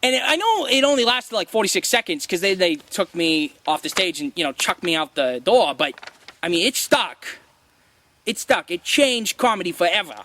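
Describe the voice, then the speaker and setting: A man playing a deluded, boastful washed-up circus prop comic who rambles haltingly and defensively in a mock-documentary interview. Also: high voice, very animated, sharp tone, a little hiss or hum, heavily acted. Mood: rambling, self-important.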